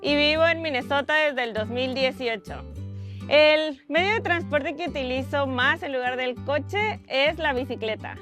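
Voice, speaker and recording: A young woman from Monterrey, Mexico, calmly answering interview questions. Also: high-pitched, a little slow. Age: young adult. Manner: calm, practical, with fillers. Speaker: interview guest. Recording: faint music underneath.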